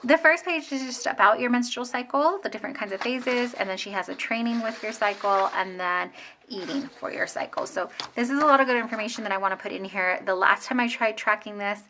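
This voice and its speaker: A woman's voice: a little high, fairly quick, pushed and bright, slight background noise. A woman in her thirties chatting casually as she sets up her planner at home, rambling with fillers and restarts. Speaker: planner vlogger. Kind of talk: casual plan-with-me narration.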